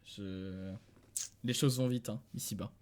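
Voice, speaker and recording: A young male French streamer gives casual live commentary from a dim room at home, addressing viewers through a desk mic while thinking aloud and chuckling. His lowish voice is a little mellow and measured in pace, with slight hiss or hum in the recording.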